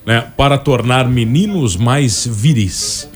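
A man's voice: mid-range voice, takes it slowly. A man with a southern Brazilian accent hosting a radio show with casual comedic banter. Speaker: radio host. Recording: music playing behind the voice. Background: background music.

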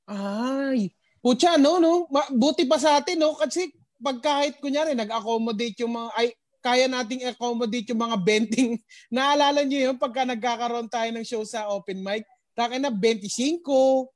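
Very high-voiced joking host man. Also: normal speed, dry recording, clean studio sound. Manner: joking, swears freely. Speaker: podcast host. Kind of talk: casual chat.

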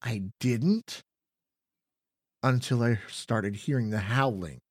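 A man voicing a nervous, worried girl at a summer camp, speaking softly and hesitantly. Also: mid-range voice, slow, dry recording, studio quality. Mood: uneasy.

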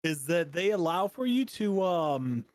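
Lively, animated man chatting casually. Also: high-pitched, measured pace. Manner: animated, jokey, rambling with fillers. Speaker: podcast co-host. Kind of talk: casual chat.

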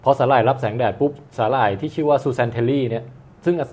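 A man hosting a casual science podcast, explaining things in a chatty, quick way. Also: mid-range voice, steady tone, darkish tone.

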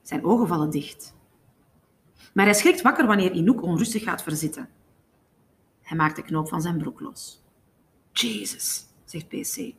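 A woman narrating a novel in a steady, even storytelling manner. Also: fairly low pitch, moderate pace, long pauses. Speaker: audiobook reader.

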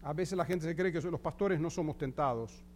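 A man's voice: a little high, a little fast, a little mellow, a little hiss or hum. A man preaching as pastor, emphatic and addressing the congregation with questions. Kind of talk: sermon.

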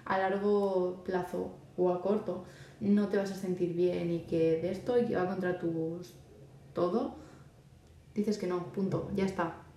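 A woman's voice: lowish voice, steady tone, unhurried, mellow, a little hiss or hum. A young woman from Spain with a Spanish accent, hosting her podcast and chatting loosely, with lots of fillers, as she gives advice. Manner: chatty, lots of fillers, acts out quoted lines. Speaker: podcast host. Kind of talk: casual advice monologue. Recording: echoey room.

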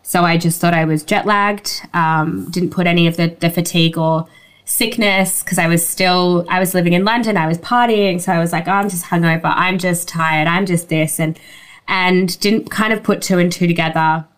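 A woman with a slightly low voice talks as a guest sharing a personal story. Her delivery is candid and informal, conversational in wording and sprinkled with "like" and "you know". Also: steady tone, moderate pace, clean tone. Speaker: interview guest.

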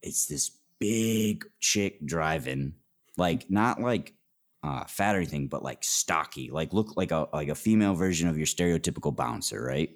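A man's voice: extremely low pitch, normal speed. A young man telling a story casually, acting out what people said and swearing often. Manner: animated, swears a lot, acts out quotes. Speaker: podcast guest.

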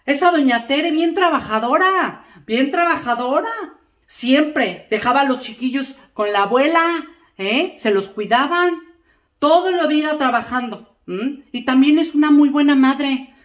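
A gossipy middle-aged mother, played by a woman rambles through a comic monologue, sprinkling little checks on her listener. Her voice sits a touch high. The recording carries a roomy echo. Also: measured pace. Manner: chatty, rambling, keeps asking "¿eh?" and "fíjate". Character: gossipy middle-aged Mexican mom lecturing family.

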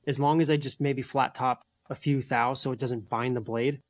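A machinist who makes folding knives thinks aloud through his plan in casual shop talk. His medium-pitched voice holds a steady tone at a moderate pace, with no room sound.

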